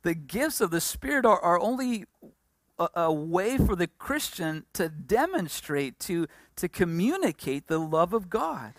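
A woman teaching a Bible passage in English, pausing for an interpreter, with many fillers and restarts. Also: fairly low pitch, sing-song, dry recording, studio quality. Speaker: preacher.

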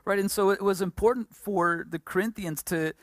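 A woman teaching a Bible passage in English, pausing for an interpreter, with many fillers and restarts. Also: mid-range voice, dry recording, clean studio sound. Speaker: preacher.

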